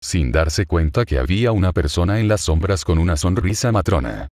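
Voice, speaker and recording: A man with a very deep voice narrates a fan story aloud. His delivery is steady and flat. The recording is dry, close to the mic, with no room sound. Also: a little fast, no echo. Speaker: fan fiction reader.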